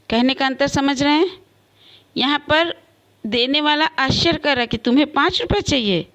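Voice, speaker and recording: A woman teacher giving an online class lesson, explaining slowly with spoken examples and varied emphasis. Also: high voice, a bit bright. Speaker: school teacher.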